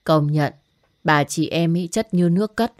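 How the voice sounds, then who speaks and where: A woman voicing a gossipy, sharp-tongued young woman coworker who talks in blunt slang. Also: low voice, unhurried. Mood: scornful.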